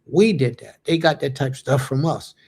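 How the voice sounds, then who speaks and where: His mid-range voice is slightly rough with a darkish tone, moving at normal speed. In his late thirties, he hosts a religious fellowship livestream, reading viewer comments aloud and answering them in relaxed chat sprinkled with Hebrew blessings.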